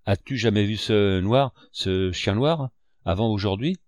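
A man's voice: fairly low pitch, unhurried, no room sound, studio quality, close to an everyday voice. A man reading an audiobook, voicing a scheming one-legged innkeeper who blusters with theatrical indignation. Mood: blustering.

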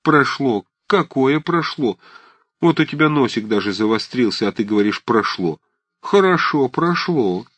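Brief: agitated old aunt, blunt and fussy, raised and lively, dry close sound, a male reader putting her on. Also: mid-range voice, a little slow, breathy edge, dry recording, voice pushed up. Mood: coaxing. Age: older. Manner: agitated, scolding, emphatic. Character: fussy, blunt elderly aunt, warm-hearted. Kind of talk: audiobook character reading.

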